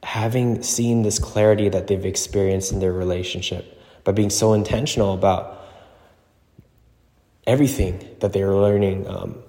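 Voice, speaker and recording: A man hosting a show, talking casually and off the cuff in a halting, thinking-aloud way, recorded in an echoing gym. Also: low-pitched, fairly even intonation, dark tone. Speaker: podcast host and relationship coach. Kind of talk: casual solo talk, unscripted. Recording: very echoey gym, long reverb.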